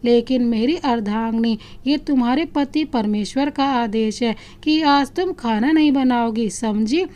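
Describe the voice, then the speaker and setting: A woman's voice: fairly high pitch, a little slow, hardly any pauses, a little mellow, natural voice. A woman voicing a loving, playful young husband who teases his wife affectionately, in a storybook reading. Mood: teasing. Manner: teasing, affectionate.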